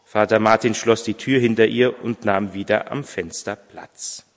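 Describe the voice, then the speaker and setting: Man, pastor, story reading, measured, church, long reverb. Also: lowish voice, steady tone. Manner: measured storytelling, hesitant when speaking freely. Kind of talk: reading a story aloud in a service.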